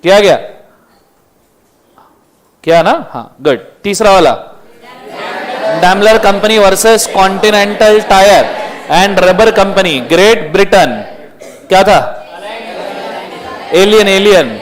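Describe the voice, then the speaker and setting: Strict high-voiced male lecturer. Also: slow, long pauses, some chatter behind. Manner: strict, scolding students, firing questions at the class. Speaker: law lecturer. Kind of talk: classroom lecture. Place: classroom.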